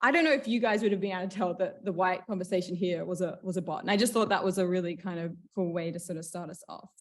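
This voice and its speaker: A woman's voice: on the low side, fast. A woman giving an academic conference talk in a university function room, loose and casual, full of "like" and "sort of". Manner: casual, frequent fillers like "like" and "sort of". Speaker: conference presenter. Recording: distant mic in a function room.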